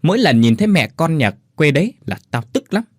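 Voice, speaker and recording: A man voicing a cruel, arrogant older mother-in-law who scolds in a shrill voice. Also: very animated, a little fast, dry recording, studio quality. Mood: venomous.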